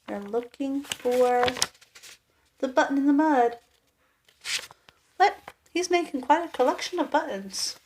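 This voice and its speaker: Slow, gentle woman reading to kids. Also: high-pitched, animated, background noise. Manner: gentle, with soft sympathetic asides. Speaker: children's story reader. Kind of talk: reading a picture book aloud to kids.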